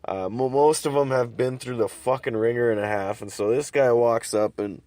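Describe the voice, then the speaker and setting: Male host, casual rambling monologue full of swearing and fillers, mid-pitched voice, dry car recording. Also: normal speed, darkish tone, no room sound. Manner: rambling, profane, many restarts and fillers. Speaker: podcast host. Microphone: sitting in his car.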